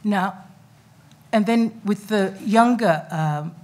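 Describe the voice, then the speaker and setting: This middle-aged woman, a documentary maker on a festival panel, speaks slowly in a mid-range, slightly mellow voice. In the conference room, she chats with plenty of fillers and restarts into a stand-mounted table mic.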